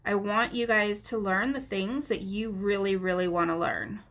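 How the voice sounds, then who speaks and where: Medium-pitched and slightly bright, her voice stays fairly even at a normal speed. This live-stream craft teacher sounds nasal from a stuffy nose as she walks viewers through coloring, casually addressing them by name.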